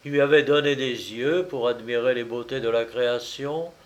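A man reading a literary story aloud as an audiobook narrator, with a measured and wry storytelling delivery. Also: medium pitch, fairly even intonation.

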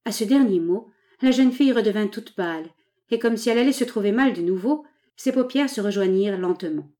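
A woman narrating a novel aloud with a measured, dramatic reading. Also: mid-range voice, mellow. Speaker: audiobook narrator.

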